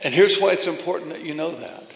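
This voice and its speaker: A man preaching a sermon with emphatic phrasing and pauses between phrases, addressing a congregation. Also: on the high side, animated, creaky. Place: church or meeting hall. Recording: echoey hall from a distance.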